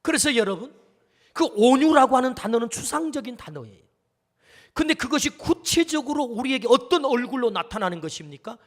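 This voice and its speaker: High-voiced preacher in a reverberant hall. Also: male voice, expressive, fairly quick. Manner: earnest storytelling preacher, acts out quotes. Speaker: pastor. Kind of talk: sermon. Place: church sanctuary.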